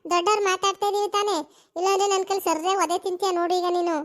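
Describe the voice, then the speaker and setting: A melodramatic middle-aged cartoon wife who whines, wails and bosses people around. Her voice is squeaky and very high. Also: steady tone, rapid-fire, a bit bright. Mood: scolding. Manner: whiny, melodramatic. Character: dramatic middle-aged wife, wailing complainer.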